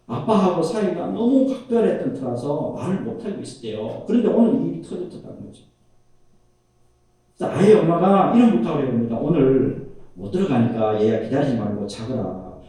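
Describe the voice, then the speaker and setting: A man telling a story in a spoken, animated way, recorded in an echoey room far from the mic. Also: a little high. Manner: animated, varies his delivery and acts out quoted voices.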